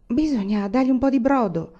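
A woman's voice: fairly high pitch, fairly quick, dark tone, dull audio, pitched above the performer's own voice, natural voice. A woman reader voicing a pious, fussing old village aunt who urges a boy on. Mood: urgent coaxing. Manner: urgent, coaxing.

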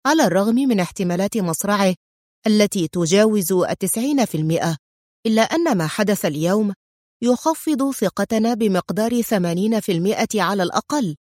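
Woman voicing a sharp angry officer. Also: mid-range voice, no echo, studio quality, natural voice. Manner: sharp, forceful, lecturing.

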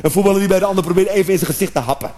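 A man doing a stand-up comedy routine, animated, with sudden shouted outbursts and acted-out noises. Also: high-pitched, very fast.

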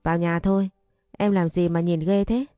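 A woman's voice: lowish voice, fairly even intonation, moderate pace, dark tone, clear, resonant tone, no echo, studio quality, soft background music, natural voice. A woman reading as a teasing rich young husband. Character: confident wealthy young husband, teasing and doting.

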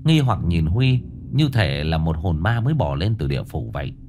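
A man narrating a ghost story in an expressive, suspenseful reading. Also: low-pitched, moderate pace, background noise.

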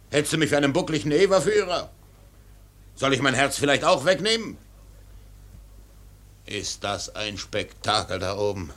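A man's voice: medium pitch, fairly bright tone. A stubborn old sea captain in a radio drama. He is commanding and grandiose, obsessed and defiant, refusing to give any ground. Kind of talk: German radio play acting.

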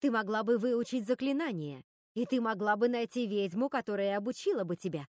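A woman's voice: on the high side, animated, fairly quick, dry recording, clean studio sound, natural voice. A woman voicing Lucinda, a commanding and scornful witch sister. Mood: stern. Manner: commanding, cold.

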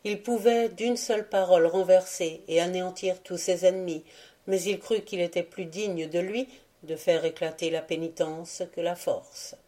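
A woman narrating a history audiobook in a measured, solemn way. Her voice sits a little low and sounds dark and mellow. The delivery is steady and unhurried. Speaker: audiobook reader. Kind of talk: scripted narration of a history book.

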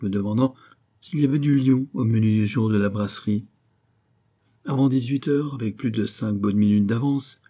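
Man, audiobook narrator, first-person novel, measured, mellow, husky. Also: fairly low pitch.

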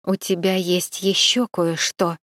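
A woman voicing a menacing man on the phone who speaks in a slow, hissing, whispered voice. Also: mid-range voice, fairly even intonation, no room sound, clean studio sound, close to an everyday voice.

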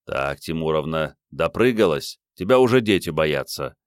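A male audiobook reader voicing a curt, gruff, tired man who leads a small squad. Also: extremely low pitch, animated, normal speed, dry recording, clean studio sound.

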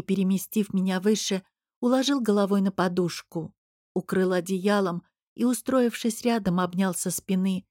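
A woman narrating a romance novel in the first person with an even, measured reading. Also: mid-range voice, no room sound, clean studio sound. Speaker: audiobook narrator.

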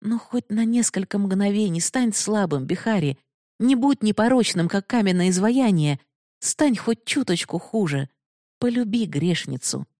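A woman's voice: mid-range voice, animated, a little slow, darkish tone, no room sound, clean studio sound, voice pushed up. Woman reading as a proud, passionate young woman. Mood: quiet, begging. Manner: emotional, pleading, bitter.

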